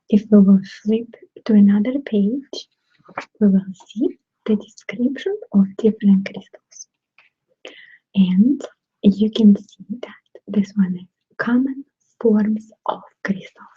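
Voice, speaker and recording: A woman's voice: medium pitch, slightly rough. A woman voicing a bossy young girl playing a strict teacher, in a put-on Russian accent, as whispered role-play. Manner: stern, instructing. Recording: dry tinny phone-like sound.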